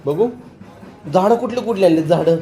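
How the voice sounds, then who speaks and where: A woman with a rural Marathi accent speaks in a fairly low voice, playful and coaxing. She questions a small child at home in a casual family vlog, recorded on a phone. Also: normal speed, warm tone, slight background noise. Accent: rural western Maharashtra Marathi. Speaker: family vlogger questioning a toddler.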